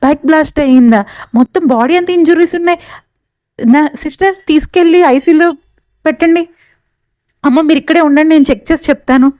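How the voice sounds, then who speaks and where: A woman voicing a hurried hospital doctor giving urgent instructions. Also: high-pitched, darkish tone, no room sound, clean studio sound, close to an everyday voice.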